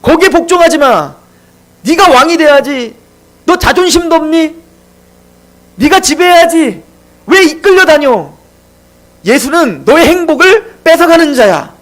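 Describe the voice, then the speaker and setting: A man's voice: extremely high pitch, lively intonation, a little slow, long pauses, a bit bright, voice pushed up, heavily acted. A man voicing a sneering male tempter, the devil, who mocks and goads with rhetorical questions. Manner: taunting, mocking rhetorical questions.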